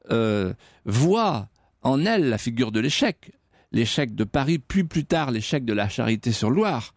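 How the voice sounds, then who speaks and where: A man's voice: mid-range voice, no room sound, clean studio sound. A man, a guest historian on a radio show, telling history dramatically with rhetorical questions and repetitions. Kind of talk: dramatic storytelling in radio interview. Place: radio studio.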